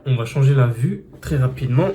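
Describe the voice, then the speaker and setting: Man, casual unboxing vlog, mellow tone, chatty, halting fillers, phone camera. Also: mid-range voice, expressive, a little hiss or hum. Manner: chatty, with many fillers and restarts. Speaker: tech reviewer.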